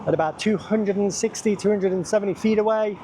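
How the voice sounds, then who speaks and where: A man's voice: sits high, quick pace. A man talking casually while riding outdoors near a busy road, recorded on a wireless lav mic with noise reduction processing on, speaking up over the wind. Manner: talks loudly over wind, tries not to shout. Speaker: gear reviewer.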